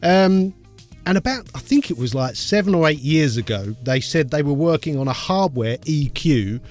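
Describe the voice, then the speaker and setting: A man, co-hosting a casual chat about music production and gear, chatty and quick to laugh. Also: fairly high pitch, big pitch swings, darkish tone. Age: 50s. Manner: chatty, laughs often, loses names mid-sentence. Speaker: co-host of a music production show.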